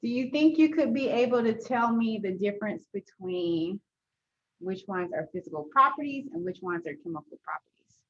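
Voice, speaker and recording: A woman's voice: fairly high pitch, expressive, moderate pace, a little hiss or hum. A woman teaching an online science class over a video call, her voice muffled as if through a wall while she coaxes students for answers. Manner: questioning, coaxing students for answers. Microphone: laptop on a video call.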